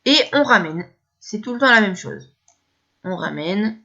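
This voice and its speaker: A woman's voice: medium pitch, animated, unhurried, fairly bright tone, highs cut off. A woman teaching video editing step by step, hesitant and repeating herself as she talks through each click. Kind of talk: screen-recorded editing tutorial.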